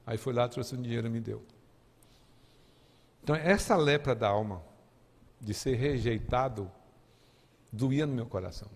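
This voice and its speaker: A man from Brazil preaching a sermon and telling his own story, impassioned and rising to near shouting at the peaks, with halting restarts and repeated words. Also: mid-range voice, big-room sound. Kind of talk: sermon with personal testimony. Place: church sanctuary.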